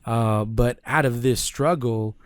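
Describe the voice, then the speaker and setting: Male host of middle pitch asking rambling, hesitant interview questions. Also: slow pace, clear, resonant tone, dry recording. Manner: hesitant, many uh and um fillers. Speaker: podcast host.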